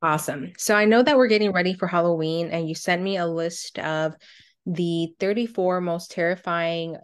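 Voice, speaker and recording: Speaking at a moderate pace in a fairly low voice, a woman co-hosts a podcast. She chats casually, reacting as she works through a countdown list.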